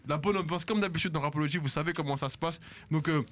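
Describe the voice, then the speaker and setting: Fast-talking Belgian radio host. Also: male voice, on the high side, a bit bright. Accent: Belgian French. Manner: joking, reads news items quickly with fillers. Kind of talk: casual hip hop radio chat. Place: radio studio.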